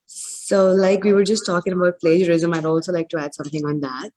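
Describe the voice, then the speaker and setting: Low-voiced woman echoing on a video call. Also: flat delivery, a little fast, a little mellow. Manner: informal with fillers, speaks of personal experience. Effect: her voice echoes back on the video call. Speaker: webinar panelist and former international college student. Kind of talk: casual webinar sharing.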